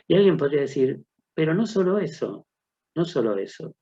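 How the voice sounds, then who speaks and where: A man's voice: on the high side, very animated, moderate pace, mellow, husky, muffled recording. A man gives a recorded methodology lecture, thinking aloud through rhetorical questions and worked examples.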